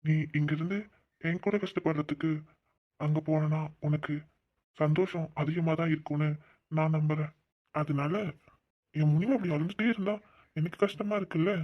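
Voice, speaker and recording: A man voicing a young man in love in a cartoon, gentle and coaxing. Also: a little high, normal speed, long pauses, lightly acted. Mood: soothing. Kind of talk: cartoon voice acting. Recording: dull lo-fi recording.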